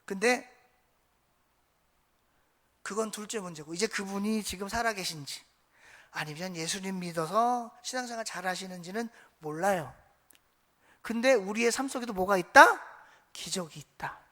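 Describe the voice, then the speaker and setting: A man's voice: sits high, moderate pace, long pauses, bright, forceful tone. A man preaching a Sunday sermon as pastor, telling a story and acting out quoted voices, asking the congregation rhetorical questions. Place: church sanctuary. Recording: long church reverb.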